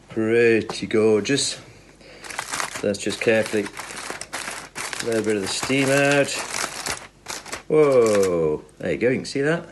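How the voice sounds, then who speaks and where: A British man casually talking through his cooking in a chirpy, enthusiastic way, full of tag questions and little asides, recorded at home on a phone. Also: mid-range voice. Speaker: home cook presenting a recipe video. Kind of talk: casual chat while cooking. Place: home kitchen, filmed on a phone. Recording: clear background noise, kitchen clatter.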